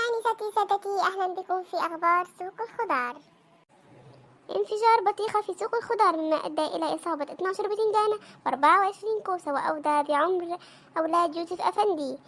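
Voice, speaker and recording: A woman's voice: very high-pitched, fast talker, a bit bright. A woman voicing a mock-serious news anchor who reads a silly bulletin in a comedy cartoon. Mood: mock-formal. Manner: pompous newsreader delivery.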